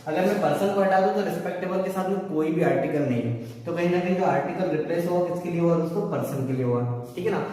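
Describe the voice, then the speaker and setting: A man's voice: fairly high pitch, quick pace, few pauses, warm tone. A man teaching an English grammar lesson, explaining step by step and asking the class questions that he answers himself. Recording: echoey room picked up from far off.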